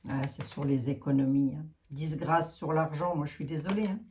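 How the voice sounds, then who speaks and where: A woman's voice: sits low, normal speed, mellow. A woman with a Lorraine French accent, reading cards and chatting frankly while thinking aloud with many fillers. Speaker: card reader. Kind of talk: casual card reading monologue.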